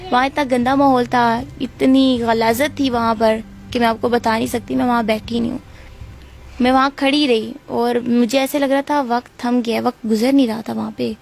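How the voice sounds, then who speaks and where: A young woman with a Pakistani Urdu accent, giving an interview and telling of her ordeal in an earnest, steady way. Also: fairly high pitch, creaky. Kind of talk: emotional personal account.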